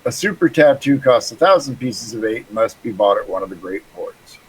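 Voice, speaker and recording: A man's voice: mid-range voice, animated, a little fast, slight background noise, rough recording. A man running a tabletop game over voice chat, his voice cutting in and out as he lets off the microphone too soon. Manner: explains rules by reading aloud from the rulebook. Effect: voice cutting out from releasing push-to-talk too soon. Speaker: game master. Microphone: online voice chat microphone.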